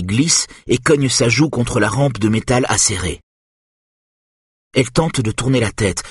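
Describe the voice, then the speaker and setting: A man narrates a thriller audiobook in a steady, measured way. His voice sits low and has a husky grain. The sound is dry and close, with no room around it. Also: no room sound.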